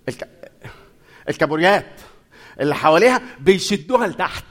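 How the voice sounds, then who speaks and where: A middle-aged man with an Egyptian accent preaching a sermon in a lively, conversational way, putting questions to his audience. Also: on the high side. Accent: Egyptian Arabic.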